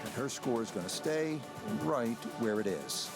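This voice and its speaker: A man giving measured, understated golf play-by-play commentary. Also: medium pitch, expressive. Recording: loud music and crowd ambience behind. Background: music, crowd and outdoor ambience.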